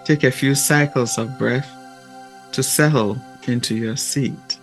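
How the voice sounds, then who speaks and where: A man with a medium-pitched voice speaks very slowly and deliberately, pausing often between short phrases. He sounds like a gentle guide leading a reflective talk or meditation, with faint music playing underneath. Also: steady tone. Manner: gentle, measured, deliberate with long pauses. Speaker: podcast host and meditation guide.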